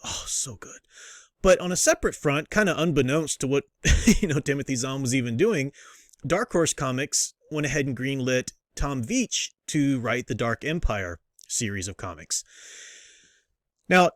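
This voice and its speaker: In a clean studio recording with no room sound, a medium-pitched male host reviews books and comics casually and without a script. He wanders off topic and keeps interrupting himself, full of fan excitement.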